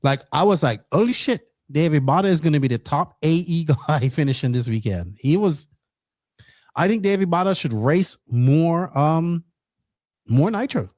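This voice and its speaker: A man co-hosting a casual podcast, excitable, swearing and whooping with enthusiasm. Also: fairly high pitch, normal speed, no room sound, studio quality. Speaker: podcast co-host.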